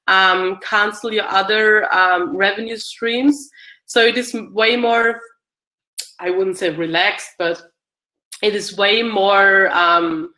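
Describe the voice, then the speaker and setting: Fielding audience questions in a relaxed Q&A, this Austrian woman speaks slowly in a bright voice of medium pitch. Her delivery is hesitant and full of fillers and restarts, and the room echoes.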